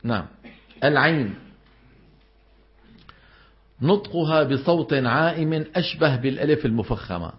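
A man teaching Quran recitation to a class, explaining in casual dialect and chanting example words slowly. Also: mid-range voice, expressive, slightly rough, muffled recording.

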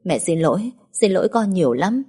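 A woman reading the lines of a tearful, doting older mother-in-law in a story, slow and choked. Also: lowish voice, big pitch swings, dark tone, slightly rough.

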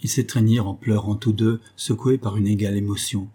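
A man narrating an audiobook in a steady, measured reading. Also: lowish voice, slightly rough.

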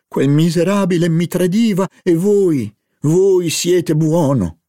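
A man's voice: fairly low pitch, a little slow, a little mellow, husky, no room sound, clean studio sound. A man reading an audiobook, voicing a touchy young musician who exclaims earnestly and sounds wounded.

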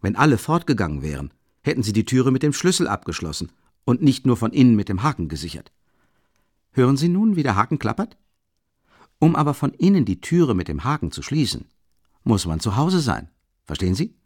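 A man voicing an eager, excitable young man who talks quickly and insistently in an audiobook. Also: mid-range voice, no room sound, studio quality, pitched above the performer's own voice. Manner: urgent, quick, insistent reasoning.

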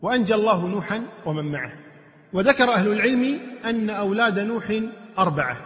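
A man with a Kuwaiti Arabic accent giving a religious lecture, reciting verses slowly and rising to emphatic, forceful peaks as he retells the story. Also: high-pitched, lively intonation. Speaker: Islamic preacher. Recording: dull lo-fi lecture recording in a large reverberant hall.

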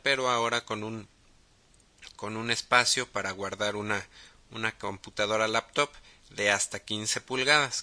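Slow, bright-voiced Mexican podcast host. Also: male voice, lowish voice. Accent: Mexican Spanish. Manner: halting, many fillers and restarts. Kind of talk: casual podcast talk.

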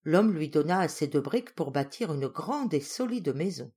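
A woman narrating a traditional fairy tale as an audiobook reader, in an expressive storytelling way. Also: sits low, moderate pace, slightly rough. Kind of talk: storybook reading.

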